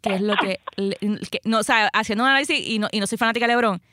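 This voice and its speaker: A woman's voice: on the high side, rapid-fire, background noise. A Puerto Rican woman hosting a casual sports chat, emphatic and often repeating her phrases for weight. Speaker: sports podcast host.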